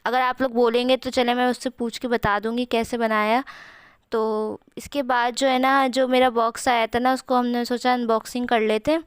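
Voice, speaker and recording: A woman's voice: on the high side, little pitch movement, moderate pace, clean tone, no echo. A young woman with a sore throat, chatting through a home cooking vlog voice-over in a rambling way with many fillers, recorded close to the mic. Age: young adult. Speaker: vlogger.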